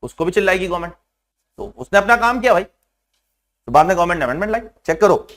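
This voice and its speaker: Young male tax lecturer with a high voice, animated, pushes students to respond, mixes in English terms. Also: quick pace. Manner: animated, keeps prodding students to answer. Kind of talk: classroom lecture. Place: classroom with online students joining.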